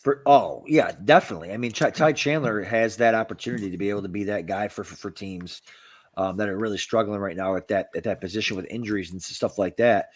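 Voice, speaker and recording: A man co-hosting a fantasy football podcast in casual banter, excitable and often stammering and repeating words. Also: lowish voice, fast talker.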